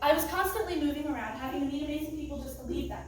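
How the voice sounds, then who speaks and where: A teenage girl speaks as a student at a church youth group, giving an earnest, emotional testimony with nervous laughs between lines. Her voice is high and racing, and the far-off mic picks up an echoey room.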